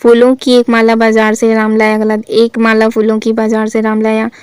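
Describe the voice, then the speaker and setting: A woman teaching a Hindi grammar lesson for exam practice. She reads out sentences, asks her own questions and answers them in a steady, teacherly way. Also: on the high side, normal speed, clean tone, no room sound. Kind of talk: exam-prep lesson, reading and correcting sentences.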